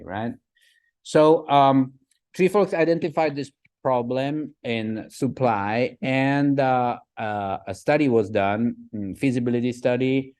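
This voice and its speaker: A man in his forties from the Republic, giving a slide talk as a guest speaker, halting with fillers and often asking "right?". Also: mid-range voice, darkish tone. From Czech Republic. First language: Czech. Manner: halting, many fillers and restarts, asks "right?". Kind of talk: presentation with slides.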